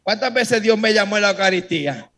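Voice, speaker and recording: A man giving a religious testimony to a congregation, telling his story in a lively way and speaking straight to his listeners. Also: high voice, a little fast, creaky.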